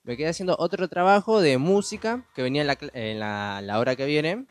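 A man's voice: a little high, lively intonation, a little fast. A man telling a story on a podcast in a rambling way, full of restarts and "viste". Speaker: podcast co-host. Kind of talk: casual storytelling.

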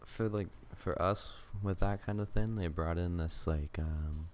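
Deep-voiced young man, casual chat. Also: unhurried, a little mellow, slight background noise. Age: young adult. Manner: easygoing storytelling, filler-heavy. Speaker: college student.

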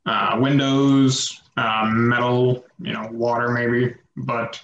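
A man runs a tabletop game as its game master, unhurried and halting, filling pauses as he describes the scene. The recording is muffled and roomy, with a faint hiss behind him. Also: mid-range voice, flat delivery, a bit bright. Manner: slow, halting narration full of fillers.

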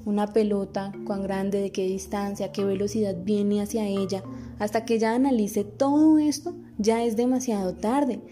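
A woman playing a caring teacher in a dubbed film, explaining slowly and earnestly over background music. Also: medium pitch, steady tone, dark tone, natural voice. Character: patient caring female teacher, adult.

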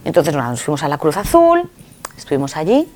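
A woman telling a personal story in an interview, expressive and acting out dialogue. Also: brisk, faint music behind. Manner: expressive, acts out dialogue with sudden pitch jumps. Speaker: interviewee sharing a personal testimony. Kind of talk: animated storytelling.

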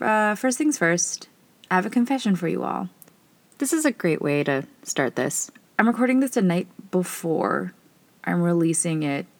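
A woman's voice: fairly low pitch, no echo. Chatty woman recording dry in a closet. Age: 30s. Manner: chatty, informal, self-deprecating. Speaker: podcast host. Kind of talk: casual solo podcast monologue. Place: small clothes closet in a studio apartment.

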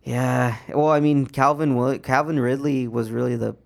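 A young American man co-hosts a casual sports show like a frat bro hanging out. His voice is mid-range with a heavy creak, and his talk is loose and full of slang. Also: medium pitch, steady tone, moderate pace. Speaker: sports podcast co-host.

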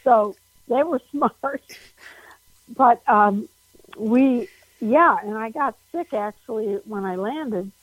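A woman stand-up comedian chatting in a phone interview, animated, laughing often and restarting her sentences. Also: on the high side, takes it slowly, long pauses, no room sound, rough recording.

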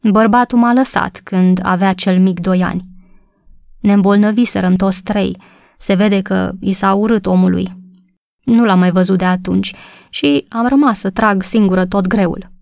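A woman's voice: mid-range voice, gravelly, a little mellow, no echo, lightly acted. A worn-out poor mother in a storybook, speaking in a tired, subdued voice, as a woman narrator puts her on. The sound is dry and close. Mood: weary. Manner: subdued, tired and plain-spoken.

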